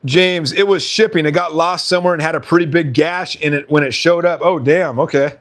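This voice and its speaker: Brisk and casual, a man with a fairly high, slightly hoarse voice hosts a laid-back live stream. He reads viewer comments aloud and laughs frequently as he talks.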